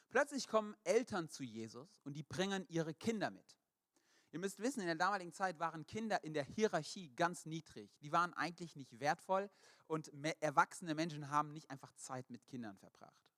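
Male preacher, slightly high voice, dry close sound; animated storyteller who acts out voices. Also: no echo. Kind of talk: sermon.

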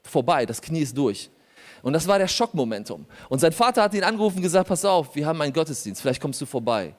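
A man, a pastor and lawyer, telling a lively anecdote in a sermon, laughing often. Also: fairly high pitch, quick pace. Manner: animated anecdotal storytelling with laughter. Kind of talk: sermon storytelling.

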